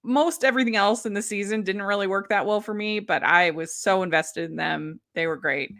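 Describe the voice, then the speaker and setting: A woman's voice: mid-range voice, a little fast, a bit bright. A woman hosting a casual chat about streaming shows, chatty and enthusiastic. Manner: chatty, enthusiastic, laughs often. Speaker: podcast host.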